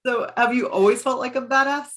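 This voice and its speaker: A woman's voice: fairly high pitch, fairly even intonation, brisk, a bit bright. A woman hosting a podcast interview, upbeat and encouraging toward her guest. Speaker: podcast host. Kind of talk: casual interview.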